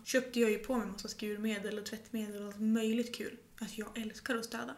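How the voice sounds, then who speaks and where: A young woman who has just moved out from home, co-hosting a casual podcast chat and acting out other people in quick asides. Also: medium pitch, level tone. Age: young adult. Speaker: podcast co-host.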